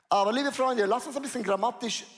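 A male preacher with a high voice delivers an emphatic sermon. He hammers home key phrases and speaks straight to his listeners. His voice rings out with long reverb in a large church hall.

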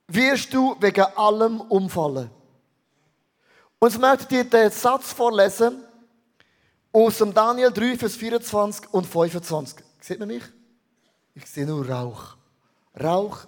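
Pastor guy, middle-aged, really high voice, punchy sermon, throws in english words. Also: takes it slowly, pauses often. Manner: energetic, mixes English phrases into German.

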